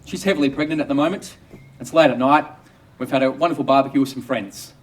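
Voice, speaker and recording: Australian male doctor, storytelling monologue, wry humour, distant mic, mid-pitched. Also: fast talker. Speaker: obstetrician. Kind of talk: first-person storytelling monologue.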